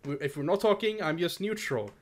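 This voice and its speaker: A man's voice: fairly high pitch, fairly quick. A man in casual podcast chat, talking in a rambling, hesitant way and laughing often. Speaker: podcast co-host.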